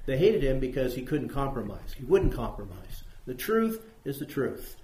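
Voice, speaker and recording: A man's voice: medium pitch, very animated, moderate pace, mellow, echoey room, a little hiss or hum, low-quality recording. A man teaching a Bible study who puts questions to his listeners.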